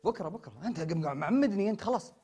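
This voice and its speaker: A young man with a Saudi accent performs a comic sketch as host. His voice sits high, and he rattles off his lines at great speed. He presses the same point again and again, sounding exasperated. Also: expressive, very fast, a little mellow, breathy edge. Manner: insistent, exasperated, repeats himself. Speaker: comedy show host.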